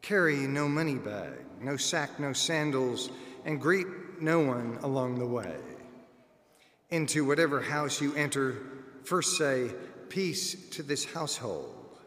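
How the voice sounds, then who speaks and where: A man, a clergyman, reads the Gospel aloud at Mass in a measured, formal way. The sound has a cathedral-like echo. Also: mid-range voice, animated, fairly bright tone. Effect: cathedral-like echo with long reverb. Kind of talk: liturgical Gospel reading. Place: large church during Mass. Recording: echoey church hall, long reverb.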